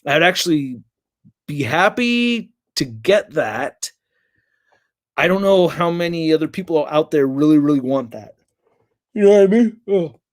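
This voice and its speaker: A tired man in his late thirties chats loosely on a livestream, full of fillers and crude jokes. His voice sits a bit high for a man, and the sound is dry and close, with no room echo. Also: lively intonation, a little slow, long pauses. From United States. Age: late 30s. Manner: rambling, crude jokey talk with lots of fillers. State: tired and yawning. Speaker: toy reviewer and livestream host. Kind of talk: casual livestream chat.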